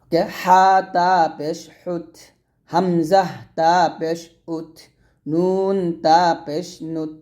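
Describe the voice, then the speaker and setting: Slow, mellow-voiced Bangladeshi Quran teacher. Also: male voice, fairly high pitch, little pitch movement. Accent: Bangladeshi Bengali. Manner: spells out letters and vowel marks slowly, pausing for students to repeat. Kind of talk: slow recitation drill lesson.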